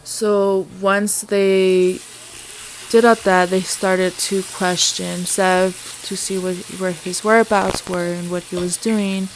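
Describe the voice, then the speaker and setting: A woman's voice: mid-range voice, poor audio. A woman vlogger telling a true-crime story in a casual, conversational way while cooking. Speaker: vlogger and host. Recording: sizzling food, clear background noise.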